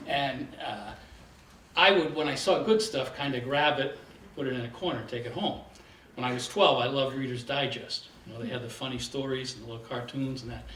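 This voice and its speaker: A man's voice: medium pitch, a bit bright. Man about 60 reminiscing on stage. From Boston area. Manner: plain, measured reminiscing. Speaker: storyteller. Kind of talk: live storytelling. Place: theater stage before an audience. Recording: roomy, distant, faint noise.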